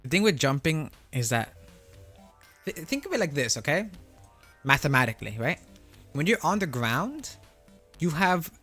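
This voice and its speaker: A man livestreaming a fighting game answers chat in a casual, explanatory way, frequently checking in with "right?" and "you know?". His medium-pitched, somewhat bright voice runs through a voice changer, with music in the background.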